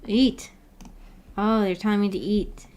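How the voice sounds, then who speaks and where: A woman whose first language is English runs a book club livestream from indoors with an animated avatar. Her mid-range, darkish voice keeps a steady tone and measured pace as she chats casually and giggles playfully over viewer comments she reads aloud.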